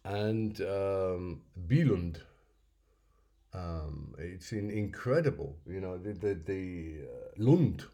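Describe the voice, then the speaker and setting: A man's voice: low-pitched, animated, takes it slowly, warm tone. A man hosting a solo music podcast, talking in a rambling, reflective way with many fillers and restarts. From North Yorkshire, England. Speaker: podcast host.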